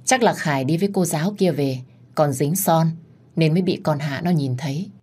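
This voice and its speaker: Female narrator, low register, first-person drama reading. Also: normal speed, mellow, husky. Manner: low voice, rises sharply for quarrel lines. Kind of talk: first-person story reading with voiced dialogue.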